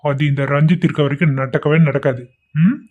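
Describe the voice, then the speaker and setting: Cartoon husband, blunt and scornful, man voicing, high-ish, lo-fi phone sound. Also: fairly even intonation, fairly quick, close to an everyday voice. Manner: curt, scornful. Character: young married man, blunt defiant husband. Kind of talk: amateur cartoon voice acting. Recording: tinny phone-like lo-fi audio.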